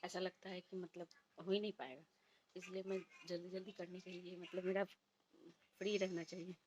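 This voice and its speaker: A woman in her thirties chatting softly in a casual home vlog, recorded at home on a phone set a little way off. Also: on the low side, flat delivery, normal speed, dull audio, a little hiss or hum. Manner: speaks softly and quietly. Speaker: vlogger and homemaker. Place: indoors at home. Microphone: phone placed a little way off.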